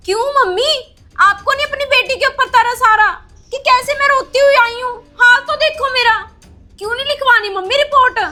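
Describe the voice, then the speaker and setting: A woman's voice: very high-pitched, moderate pace, sharp tone, soft background music. A woman playing a distraught young married daughter in a family drama skit, pleading and tearful. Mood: hurt.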